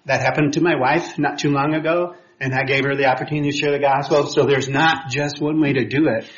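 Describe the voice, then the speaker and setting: A man teaching a church class on sharing faith, talking conversationally with many fillers and quick apologies when he slips. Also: medium pitch, fairly even intonation, a bit bright. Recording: roomy, dull lo-fi room recording.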